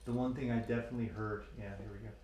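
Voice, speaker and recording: Male ghost-hunting host, casual and rapid, recorded in a reverberant room with background noise. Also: on the low side, fairly even intonation, recorded from a distance. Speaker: paranormal investigator, live show host. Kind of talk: casual live-stream commentary. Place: indoor room. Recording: echoey room, off-mic, clear hiss and clicks.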